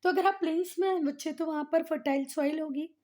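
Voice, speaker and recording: A woman leads a schoolroom lesson in a notably high voice. She explains patiently, repeats the key terms and keeps checking in with her students, switching now and then into textbook English. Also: fast talker, darkish tone. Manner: mixes English textbook phrases into Hindi explanation. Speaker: teacher.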